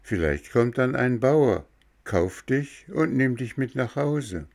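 A man voicing a kindly little marmot who gently explains a hard truth. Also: mid-range voice, lively intonation, takes it slowly, gravelly, pitched above the performer's own voice. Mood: explaining. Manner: gentle and patient, lecturing softly. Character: kindly small marmot neighbor, gentle and wise.

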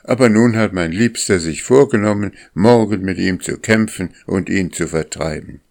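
A man's voice: low voice, normal speed, creaky, darkish tone. A man voicing a boastful, gossipy female goose in a storybook reading.

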